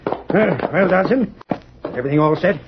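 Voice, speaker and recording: An actor playing a nervous assay clerk, a crook's accomplice in an old-time radio western, anxious and questioning. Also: male voice, fairly high pitch, animated, normal speed, lightly acted. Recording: dull, noisy vintage radio recording.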